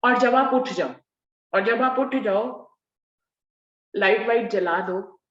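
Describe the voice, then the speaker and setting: A woman leading a devotional scripture discussion, explaining verses slowly and repeating key phrases for emphasis. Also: mid-range voice, a bit bright, reverberant, dull audio. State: slightly unwell. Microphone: video call.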